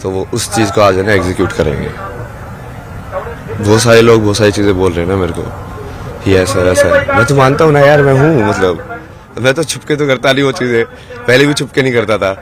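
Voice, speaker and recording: A man's voice: fairly low pitch, brisk. A man giving rambling, impassioned answers in an outdoor interview, firing rhetorical questions. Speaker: interviewee, wandering ascetic. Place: outdoors at a busy festival ground. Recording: outdoor recording with loud crowd.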